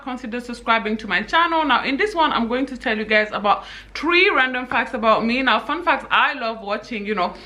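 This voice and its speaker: A young woman from Senegal telling stories to her viewers in a chatty, animated vlog, often calling them "you guys" and breaking into asides. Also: fairly high pitch. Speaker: YouTuber. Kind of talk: casual chatty vlog storytelling.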